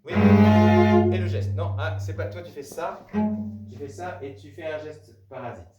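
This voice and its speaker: Speaking at a moderate pace in a somewhat high voice, a man leads a cello master class, singing bow rhythms and often stopping his student with a repeated "non." His manner is animated. Recorded in a rehearsal hall, the audio is roomy, distant and dull, with loud cello music behind him.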